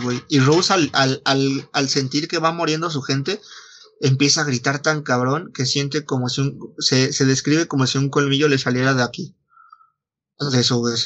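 A man's voice: mid-range voice, fairly bright tone. Dull-sounding recording, slangy Mexican man telling stories. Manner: slangy, foul-mouthed, acts out dialogue. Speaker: podcast host retelling a story. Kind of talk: casual chat, storytelling.

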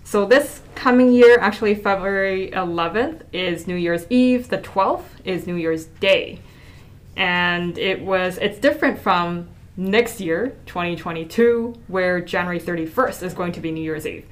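A woman's voice: lowish voice, a little slow. An upbeat young woman hosts a casual podcast chat. She introduces the show and steers the talk with friendly questions. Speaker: podcast host.

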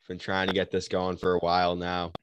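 A man's voice: deep voice, monotone, brisk, dull audio, a little hiss or hum. A man hosting a podcast, asking long rambling questions in a casual way. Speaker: podcast host.

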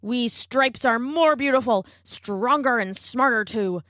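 A woman voicing a gruff, blustering wildebeest in a storybook. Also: on the high side, a little slow, a bit bright, no echo, studio quality. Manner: grunting, blustering.

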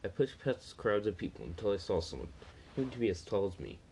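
A man's voice: on the low side, sing-song, quick pace, dark tone, slight background noise, poor audio. A man reading a first-person story aloud, plainly, with small slips and restarts.

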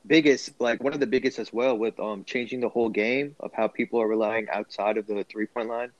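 A man in a casual sports debate podcast, speaking in a measured way with frequent "um"s. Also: fairly low pitch, fairly even intonation, no room sound. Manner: measured, fills with um. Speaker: podcast co-host. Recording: dry, dull lo-fi mic.

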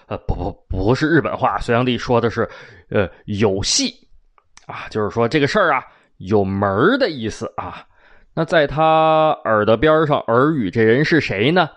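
Lively Beijing-accented male storyteller. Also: mid-range voice. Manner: chatty, addresses listeners directly, colloquial asides. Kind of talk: folk-tale storytelling to listeners.

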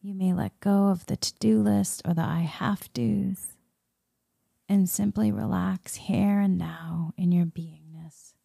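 Female meditation leader; soothing half-whispered murmur, very dark mellow tone, dry close sound. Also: mid-range voice, fairly even intonation, slow pace, no echo. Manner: soft, breathy, soothing spa-like murmur, often slipping into whisper. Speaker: guided meditation leader, Reiki healer. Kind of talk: soft guided meditation.

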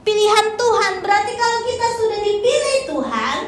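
A woman in her forties preaching a sermon in a lively, humorous storytelling way. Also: extremely high pitch, a little fast, slight background noise. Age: 40s. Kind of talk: church sermon. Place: church. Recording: very echoey church hall.

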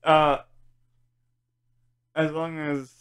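Laid-back podcast host, smooth voice. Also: male voice, fairly high pitch, little pitch movement, extremely slow, fairly bright tone, no echo. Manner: laid-back, stumbling, repeats words. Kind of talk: casual chat.

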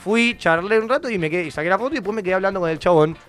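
A young man with an Argentine Rioplatense accent, chatting casually as a podcast host and telling an animated story full of acted-out quotes. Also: sits high, very fast, faint music behind. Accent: Argentine Rioplatense Spanish. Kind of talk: casual chat.

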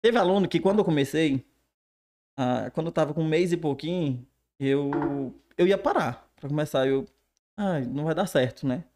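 A teacher talks quickly and pokes fun at himself in casual podcast chat. His voice sits a little high. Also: a little mellow. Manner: fast-talking, self-deprecating. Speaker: teacher and new online creator.

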